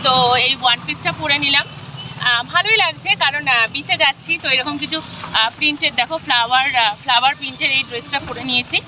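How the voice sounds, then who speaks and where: A chatty woman speaks to her viewers in a slightly high voice. She vlogs on a handheld phone, and loud outdoor and traffic noise runs under her casual talk. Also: fairly quick. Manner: chatty, addresses viewers directly. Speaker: vlogger. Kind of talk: casual travel vlog.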